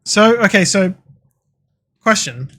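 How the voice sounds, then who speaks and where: A man's voice: high-pitched, lively intonation, takes it slowly, fairly bright tone. A young man chatting casually and swearing freely while streaming a game. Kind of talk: casual live-stream chat while gaming.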